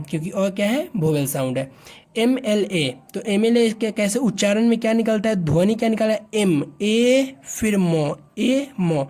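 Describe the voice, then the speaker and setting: Teacher drawing out sounds slowly. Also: mid-range voice, darkish tone. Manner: asks and answers its own questions, drawing out sounds slowly. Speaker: English teacher. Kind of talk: lesson explanation.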